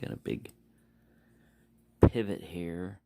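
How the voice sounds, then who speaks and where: Here a knife reviewer speaks slowly in a deep, mellow voice with vocal fry, recorded without any room sound. His off-the-cuff review wanders, doubles back on itself, and is dotted with mumbled side comments.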